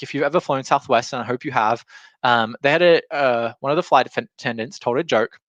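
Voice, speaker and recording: A man's voice: medium pitch, fairly bright tone, no echo. A man giving an informal explanatory talk as a business trainer, in a conversational way with illustrative examples. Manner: conversational, illustrating points with imagined quotes. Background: alarm going off.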